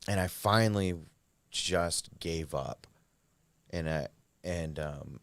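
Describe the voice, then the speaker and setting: A man's voice: deep voice, takes it slowly, gravelly, no echo. A man, a podcast guest, candidly telling his recovery story in a rambling, filler-heavy way.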